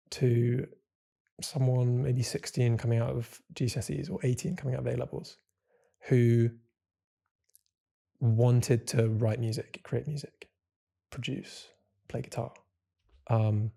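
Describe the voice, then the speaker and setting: A man's voice: medium pitch, vocal fry, warm tone. A man in his twenties hosting a casual music interview, asking long, rambling questions that circle back and correct themselves. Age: 20s. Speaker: podcast host.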